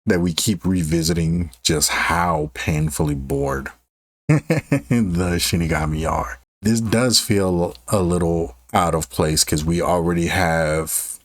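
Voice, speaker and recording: Male reaction host, low-pitched, dry studio-like sound, casual commentary with stretched-out emphasis. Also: takes it slowly, no room sound.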